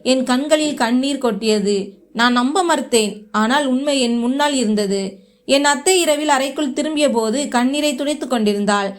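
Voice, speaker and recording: High-voiced woman narrating a dramatic story. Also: moderate pace. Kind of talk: scripted first-person narration.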